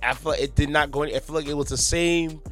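A man's voice: a little high, steady tone, quick pace, a bit bright, faint music behind. A man co-hosting a podcast in casual chat, agreeing along and adding his own take. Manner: agreeable, lots of yeahs and backchannel. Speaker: podcast co-host.

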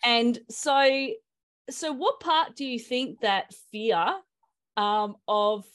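A woman's voice: fairly high pitch, extremely slow, a bit bright, dry recording, clean studio sound. A woman hosting a podcast, enthusiastic and upbeat as she talks. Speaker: podcast host. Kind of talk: podcast interview and promo.

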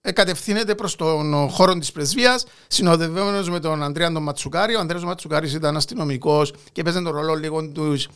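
Male history co-host, Cypriot Greek accent, slightly high voice, conversational and halting delivery. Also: a bit bright, clear, resonant tone. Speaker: podcast co-host narrating history. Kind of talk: conversational storytelling.

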